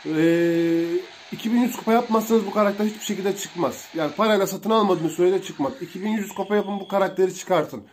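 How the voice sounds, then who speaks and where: A young man casually commentating a mobile wrestling game for viewers, excitable and slangy, calling out moves and reacting to hits. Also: sits high, fairly quick, few pauses, slight background noise.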